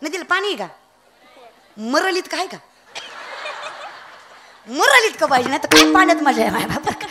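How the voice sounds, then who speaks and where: A woman's voice: high voice, sing-song, moderate pace, long pauses, pushed and bright, a little hiss or hum. A young woman giving a comic devotional kirtan sermon, telling a story, breaking into sung verses and teasing the audience. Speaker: kirtan preacher.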